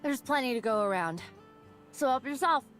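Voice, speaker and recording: A woman voicing a relaxed, food-loving game fighter who talks offhand and unbothered. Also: sits high, normal speed, soft background music. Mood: easygoing. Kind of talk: game voice acting.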